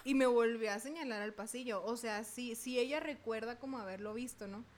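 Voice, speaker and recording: A woman co-hosting a casual podcast who tells a story with a lot of expression. Her voice is fairly high. She jumps into quoted voices and laughs along the way. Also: brisk. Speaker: podcast co-host.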